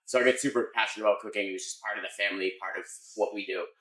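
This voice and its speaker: A middle-aged American man, a chef, explaining his cooking in a casual, halting conversational way. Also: lowish voice, steady tone, fairly bright tone. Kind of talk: casual cooking demonstration and chat. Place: restaurant kitchen. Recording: echoey kitchen room sound.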